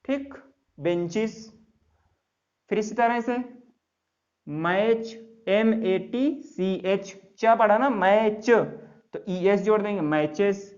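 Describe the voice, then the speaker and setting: A man teaches a grammar lesson at an unhurried, deliberate pace. He spells out each word letter by letter and keeps quizzing the class. The recording is dull and lo-fi. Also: sits high. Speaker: English teacher. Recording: dull lo-fi sound.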